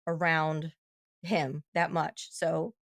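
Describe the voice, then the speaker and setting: A woman's voice: low-pitched, little pitch movement, extremely slow, no echo. A woman guest on a podcast who tells her story animatedly and acts out both sides of each conversation. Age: adult with children. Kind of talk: storytelling in casual chat.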